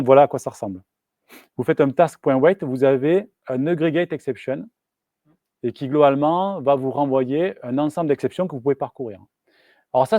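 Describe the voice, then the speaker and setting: Male engineer presenting at a meetup, halting delivery, dry sound. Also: mid-range voice, warm tone, dry recording. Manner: casual, hesitant, many fillers and restarts. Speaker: software engineer giving a meetup talk. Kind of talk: live technical presentation. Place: meetup room.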